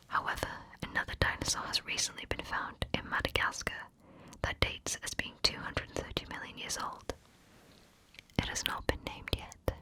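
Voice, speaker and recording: Bright, close ASMR whisper in the ear. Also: rough recording. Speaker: ASMR narrator. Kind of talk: ASMR whispered reading of facts. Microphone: close ear-to-ear stereo microphone.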